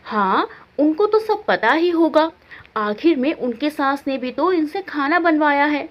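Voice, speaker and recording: An outspoken young daughter-in-law in a family storybook, voiced by a woman narrator, sharp and defiant toward her mother-in-law. Her voice is high and lively, rising and falling a lot. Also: unhurried, highs cut off. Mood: mocking.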